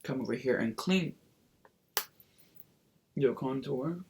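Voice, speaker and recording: A man's voice: medium pitch, slow pace, darkish tone, a little hiss or hum. A man chatting casually through a makeup tutorial as a sassy drag queen, with campy slang and exclamations. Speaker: makeup vlogger and drag performer. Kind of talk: casual get-ready-with-me makeup tutorial chat.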